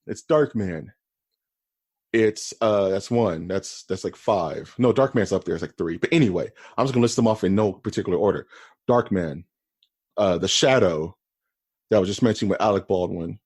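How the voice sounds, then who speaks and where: A man co-hosting a podcast in casual, rambling chat, with a deep, bassy voice. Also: moderate pace, a little mellow, breathy edge, no echo. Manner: laid-back, rambling, calls his friend dude and dog. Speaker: podcast co-host.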